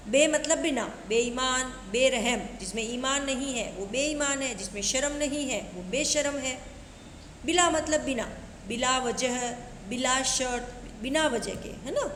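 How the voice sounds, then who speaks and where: Slow, patient woman teacher in an echoey room. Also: on the high side. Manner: slow, listing examples one by one, calls students "beta". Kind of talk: classroom grammar lesson. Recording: echoey room with long reverb, faint noise.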